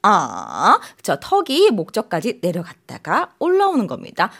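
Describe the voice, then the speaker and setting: A woman teaching a language lesson on the radio in a lively way, coaxing her co-host along and often checking "right?". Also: medium pitch, a little slow, gravelly. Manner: animated, coaxing, keeps asking "right?".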